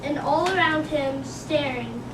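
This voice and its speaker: A woman's voice: high voice, measured pace. A female reader narrating a storybook as part of a performance. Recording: noisy, echoey room, far from mic.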